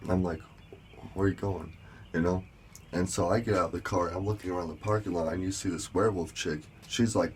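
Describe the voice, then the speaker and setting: A man telling a story in a casual vlog, rambling with lots of fillers and small laughs, with a sore lower back. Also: slight background noise. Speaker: vlogger.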